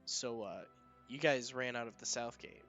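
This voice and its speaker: Game master, male, bright sharp voice, chatty, laughs a lot between ums. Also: mid-range voice, normal speed, soft background music. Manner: chatty, frequent laughter and filler words. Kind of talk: narrating a tabletop game.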